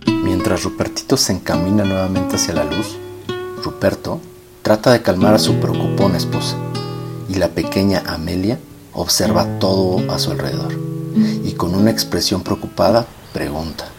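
Un hombre con acento mexicano que narra un cuento con guion, de manera descriptiva. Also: male voice, low-pitched, normal speed. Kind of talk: scripted storytelling narration. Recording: guitar music loud behind.

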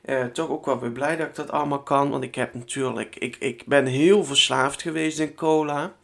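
A man's voice: medium pitch, steady tone, normal speed, creaky. A young Dutch man hosting his own podcast from home, chatting in a rambling, chatty way and swearing casually. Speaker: podcast host. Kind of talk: casual solo podcast chat.

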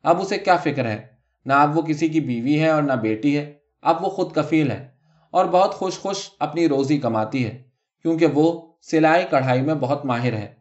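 A hot-tempered tonga driver, a grown man seething with jealousy, as a storyteller puts him on. He talks in a heated, indignant way, a touch lower than the reader's own voice. The audiobook recording sounds dull and lo-fi. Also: natural voice.

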